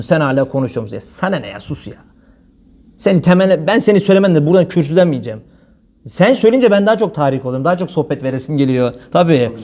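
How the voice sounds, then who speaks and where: Fast-talking high-voiced preacher man. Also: dark tone. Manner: blunt colloquial speech mixed with religious phrases. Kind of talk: informal religious talk.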